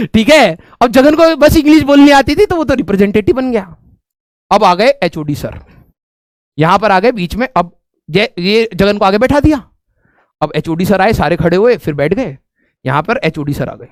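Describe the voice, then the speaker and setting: A man, his voice pitched very high, tells a comic classroom story in an animated way and laughs often. The sound is dry and close, with no room echo. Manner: animated, laughs often, repeats "theek hai" as a filler. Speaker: teacher telling a story to students.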